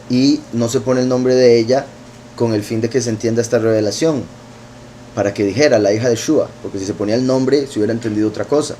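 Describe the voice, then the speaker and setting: A man, teaching scripture verse by verse in an unhurried way, thinking aloud with fillers and asides. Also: mid-range voice, dark tone, a little hiss or hum. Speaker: bible teacher.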